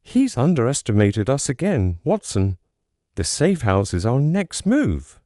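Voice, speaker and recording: A man voicing a calm, sharp-witted Victorian detective in a bedtime story, speaking in a steady, clipped way. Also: mid-range voice, unhurried, no echo, clean studio sound. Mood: grim, steady.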